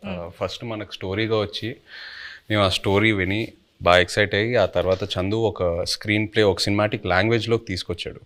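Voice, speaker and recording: A man who plays the film's lead, answering interview questions in a measured, reflective way. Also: fairly low pitch, steady tone, fairly bright tone. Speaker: lead actor.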